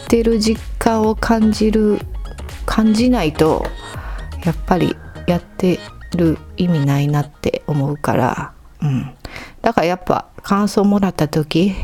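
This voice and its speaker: A woman's voice: fairly low pitch, dark tone. A woman with a Kansai accent hosting a casual solo podcast, chatty and joking as she reads and answers listener mail. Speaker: podcast host.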